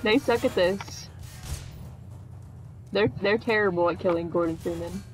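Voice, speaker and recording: A woman streamer talks slowly and casually while she plays a game. She laughs often and yells at enemies now and then. Faint music sits behind her voice. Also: medium pitch, poor audio. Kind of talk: casual gameplay chat.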